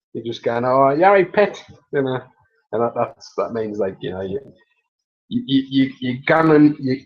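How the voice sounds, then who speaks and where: A man's voice: mid-range voice, a little mellow, slightly rough, lo-fi sound. Rambling Mackem man on a live stream. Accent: Mackem (Sunderland). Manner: rambling, self-amused, many fillers and restarts. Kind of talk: casual live-stream chat.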